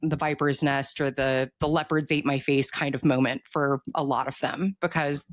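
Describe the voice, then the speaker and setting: At normal speed and medium pitch, an American-accented author chats casually in an interview, explaining opinions with energy. He regularly checks in with the listener, and the audio has no room sound.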